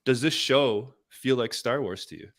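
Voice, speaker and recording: Bright, congested-sounding male host. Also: medium pitch, normal speed. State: congested and nasal from a cold. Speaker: host of a live review show. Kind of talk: casual live review chat.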